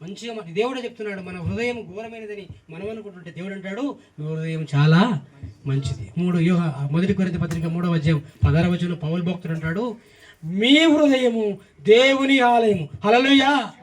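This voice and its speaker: A man's voice: high voice, fairly quick, darkish tone, far from the mic. A man preaching a sermon, emphatic, reeling off repeated lists and firing questions at the congregation.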